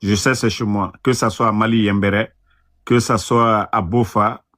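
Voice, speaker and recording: A man from Guinea speaking earnestly on a political panel, often halting and restarting his sentences. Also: lowish voice, fairly even intonation, fairly bright tone. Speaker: panel guest.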